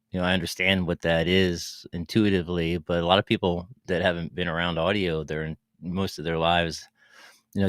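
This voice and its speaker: Deep guy explaining tech stuff casually, halting, keeps restarting, dry sound. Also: dry recording. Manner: halting, restarts phrases often.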